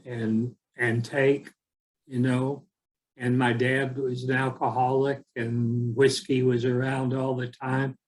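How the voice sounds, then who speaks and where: A man of seventy, giving an unhurried, rambling talk as an author, often repeating words as he searches for them. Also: mid-range voice. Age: 70s. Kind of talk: slow reflective talk with poetry reading.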